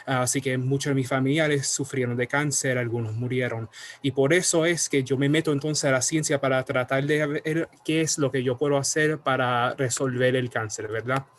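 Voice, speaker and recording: Puerto Rican man, flat steady delivery. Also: medium pitch, normal speed. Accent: Puerto Rican Spanish. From Puerto Rico. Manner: explanatory, with frequent fillers. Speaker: guest scientist. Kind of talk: online science talk. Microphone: computer mic on a video call.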